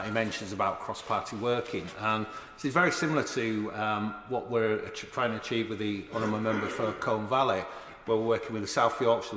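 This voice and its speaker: A male member of parliament making a debate intervention in a hesitant, halting way. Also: fairly low pitch, fairly bright tone. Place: large indoor parliamentary chamber. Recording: echoey, noisy chamber with long reverb.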